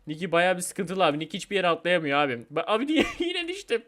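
A man hosting a let's play video, chatty and excitable, talking straight to his viewers and gleefully trolling other players. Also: high voice, very fast. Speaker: gaming video host.

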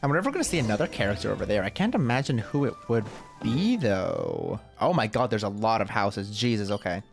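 A streamer giving casual, reactive commentary while playing a game, full of quick asides. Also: mid-range voice, huge pitch swings, gravelly, soft background music.

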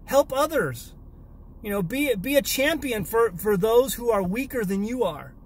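A man in his thirties, host of a homesteading channel, rants informally to the phone he holds at arm's length in a parked car, with a little hiss or hum in the audio. His very high voice has lively intonation and a measured pace, and he hammers points by repeating words.

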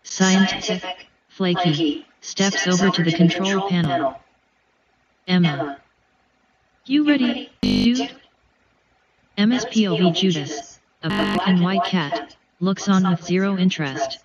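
A woman's voice: fairly low pitch, takes it slowly, long pauses, muffled recording, crowd noise. Synthetic woman's voice reading a script. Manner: flat synthetic read. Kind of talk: text-to-speech script reading.

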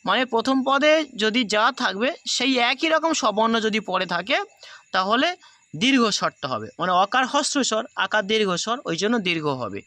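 High, bright-voiced male teacher. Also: dry recording. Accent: Bengali. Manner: patient, repeats each rule step by step. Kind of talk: grammar lesson explaining rules to students.

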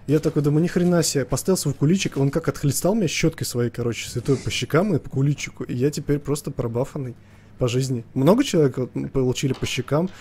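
Scared man streaming horror, bright voice. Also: medium pitch, fast talker, slight background noise. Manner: scared horror game streamer, jumpy with startled outbursts; joking storyteller, slangy and profane. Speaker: video game streamer. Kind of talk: casual live horror-game stream commentary.

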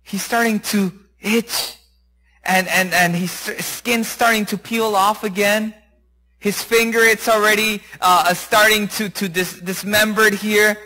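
A man preaching a sermon, retelling a Bible story with animated, acted-out voices. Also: high-pitched, slow pace, low-quality recording. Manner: animated, acts out characters' voices.

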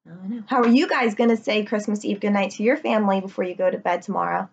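Talking fast in a steady, mid-range voice with vocal fry and a breathy edge, a young woman reads a picture book aloud to kids in her living room. She reads expressively and adds questions for her listeners, on a slightly dull webcam recording.

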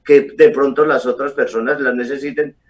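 Middle-aged doctor on a distant video call. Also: male voice, mid-range voice, moderate pace. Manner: calm explaining with hesitations. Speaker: doctor guest. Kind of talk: explanatory interview answers. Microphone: webcam on a video call.

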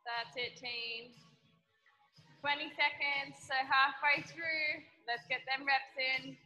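A woman's voice: sits high, steady tone, takes it slowly, sharp tone, muffled recording, faint music behind. A woman coaching a live workout with informal, encouraging instructions. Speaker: group fitness coach. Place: large gym studio.

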